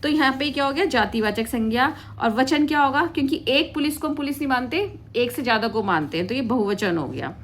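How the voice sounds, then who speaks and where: A woman's voice: high voice, lively intonation, brisk, few pauses, slight background noise. A woman teaching a grammar lesson, patiently asking questions and answering them herself, calling her students "beta" as she works through examples. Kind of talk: classroom-style grammar lesson.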